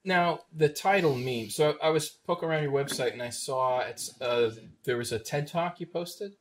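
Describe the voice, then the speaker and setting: A man's voice: a little high, moderate pace, slight background noise. A man hosting a casual interview, easygoing and joking as he asks questions. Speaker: host. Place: radio show studio.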